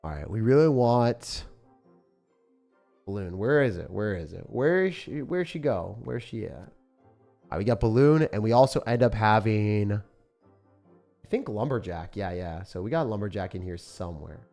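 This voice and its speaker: Soft music plays behind a young man streaming gameplay, who jokes with his audience, reads their messages aloud and leans on slang like "bro" and "man." His voice is low-ish, warm and animated with vocal fry, at a moderate pace.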